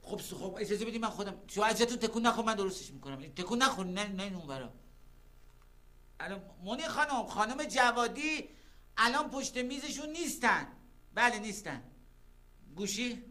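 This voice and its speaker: A man's voice: high voice, animated, pushed and bright. A man playing a flustered, fussy office clerk in a TV drama. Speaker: office worker. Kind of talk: TV drama acting.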